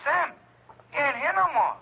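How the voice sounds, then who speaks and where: A man's voice: extremely high pitch, normal speed, gravelly, pitched above the performer's own voice. A man doing a whiny, jittery morgue man. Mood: anxious. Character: nervous male morgue attendant. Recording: muffled old telephone-like radio recording.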